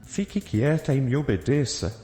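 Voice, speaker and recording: A harsh, prejudiced police sergeant, as a storyteller puts him on, barking curt, sarcastic orders in a warm, low-toned voice. The pitch swings widely from line to line. The recording is roomy and echoey, with faint music underneath. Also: male voice, very animated, normal speed, lightly acted. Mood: angry.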